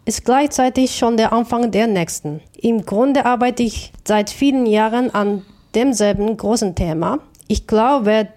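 A Japanese woman, a native speaker and artist, answers interview questions about her work carefully and thoughtfully, restarting her sentences now and then. Her voice sits a little high and has a darkish tone.

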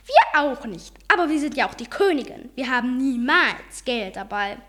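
A woman's voice: high-pitched, animated, moderate pace, a bit bright. A woman voicing an elderly queen who speaks in a stately way with the royal we. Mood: regal. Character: elderly queen, regal and dry.

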